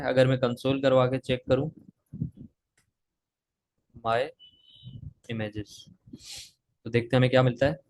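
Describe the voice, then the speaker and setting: There's slight background noise as a coding instructor from Pakistan, with a mid-range voice, teaches live over a video call. He coughs from a sore throat, talks while typing, and often checks in by saying "theek hai."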